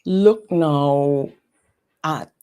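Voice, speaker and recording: A woman's voice: deep voice, extremely slow, mellow. A woman giving an online presentation on breathing, chatty, with playful asides and many fillers, speaking over a video call.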